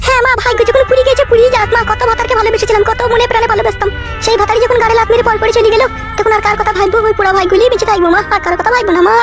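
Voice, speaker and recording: A squeaky, self-pitying young wife. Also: female voice, fairly even intonation, rapid-fire. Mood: resigned. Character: self-pitying young wife, woman, lamenting her fate. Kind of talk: comic sketch dialogue. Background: music.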